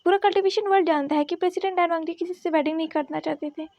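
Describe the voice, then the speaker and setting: Woman doing badgering reporters; fast, insistent questions. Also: very high voice, steady tone, a little mellow, no room sound. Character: pushy news reporters firing questions.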